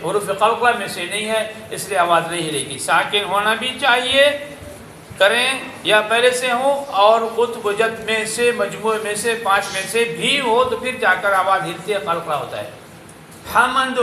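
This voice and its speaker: A man with a Pakistani Urdu accent teaching Quran recitation in a madrasa class, drilling single syllables and chanting verses slowly. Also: high voice, bright, forceful tone, roomy sound, a little hiss or hum, low-quality recording. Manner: corrects pronunciation by repeating syllables, then chants verses slowly.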